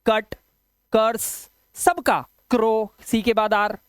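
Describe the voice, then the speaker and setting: A man's voice: sits high, flat delivery, slow pace, smooth, no echo, clean studio sound. A male English teacher giving a spoken lesson. He asks the class questions and answers them himself, and drags out letter sounds as he spells. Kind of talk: spoken video lesson for students.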